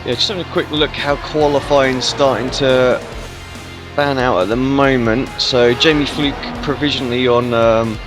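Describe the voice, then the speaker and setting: A man's voice: medium pitch, steady tone, normal speed, music in the background. A hungover man giving casual live commentary on a sim race as a commentator. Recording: clearly noisy, vehicle sounds behind.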